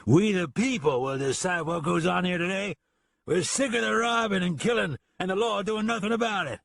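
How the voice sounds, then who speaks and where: Brief: man putting on a loud drunken ex-sergeant bully, raised high and husky. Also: moderate pace, no echo, clean studio sound, exaggerated voice. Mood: drunken, angry. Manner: shouting, blustering. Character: burly drunken angry ex-army sergeant, man.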